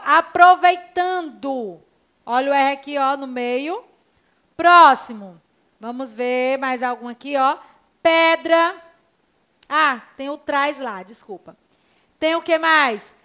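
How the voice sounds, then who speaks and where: A woman's voice: sits high, fairly bright tone. A Brazilian woman teaching young children in a recorded lesson, spelling words out and asking short checking questions with patience. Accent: Brazilian Portuguese. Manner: slow, spelling words out letter by letter. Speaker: primary school teacher.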